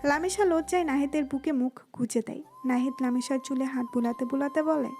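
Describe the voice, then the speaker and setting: A woman with a Bengali accent giving smooth, even scripted narration of a romantic audio story. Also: sits high, fairly quick, faint music behind.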